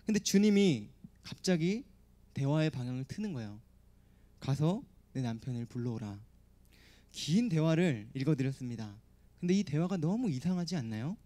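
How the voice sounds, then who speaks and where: A man's voice: on the high side, big pitch swings, brisk, warm tone. A man preaching a youth sermon, explaining with everyday stories and pointed rhetorical questions.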